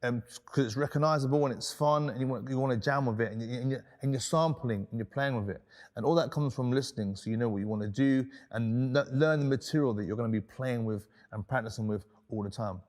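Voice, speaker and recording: A man's voice: mid-range voice, fast talker, a little mellow. A man teaching beatboxing in a loose, conversational way, often repeating words as he gathers his thoughts. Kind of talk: instructional talk.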